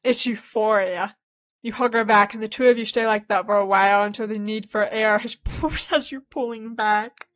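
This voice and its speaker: A woman's voice: medium pitch, moderate pace, lo-fi sound. A woman streamer reading a dating game's text aloud and reacting with laughing asides. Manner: animated, laughing asides between read lines.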